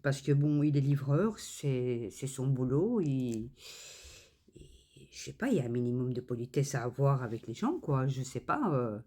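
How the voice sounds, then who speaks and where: A woman chats casually while she crafts, telling a story in a loose, animated way. She fills it with hesitations and acts out both sides of the exchange. Her pitch moves around a great deal. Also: moderate pace. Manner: animated storytelling, many fillers and reported speech. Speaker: crafts channel host.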